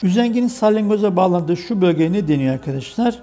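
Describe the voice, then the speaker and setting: A man's voice: high-pitched, expressive, fast, warm tone, faint music behind. A man explaining an exam solution in a biology lesson step by step, asking questions and answering them himself, repeating key terms. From Turkey. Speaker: biology teacher.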